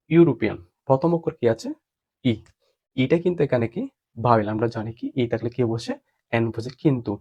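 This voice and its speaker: A man's voice: mid-range voice, darkish tone, husky. Male teacher quizzing through a lesson. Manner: repetitive question-and-answer teaching. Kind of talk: grammar lesson explanation.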